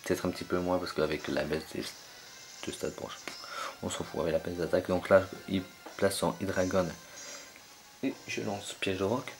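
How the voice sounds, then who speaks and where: A man's voice: low-pitched, fairly even intonation, normal speed, pauses often, music in the background. A young man commentating his own online battle game match, hesitant and full of fillers as he searches for names.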